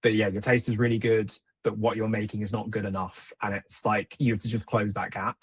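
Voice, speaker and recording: Husky, easygoing young man. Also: fairly low pitch, little pitch movement, a little fast. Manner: rambling, easygoing, many fillers. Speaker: music producer and DJ guest. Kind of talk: casual chat.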